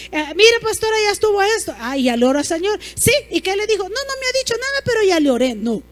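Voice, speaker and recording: A woman pastor, preaching a sermon emphatically and asking the congregation rhetorical questions. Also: high-pitched.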